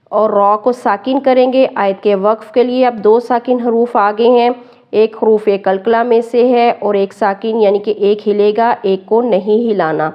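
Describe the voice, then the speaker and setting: A woman with a fairly high, smooth, resonant voice teaches recitation word by word. She draws each word out slowly and explains every sound with patience. The recording is muffled and lo-fi. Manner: slow, deliberate, drawing out each word. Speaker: Quran teacher. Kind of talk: word-by-word Quran recitation lesson.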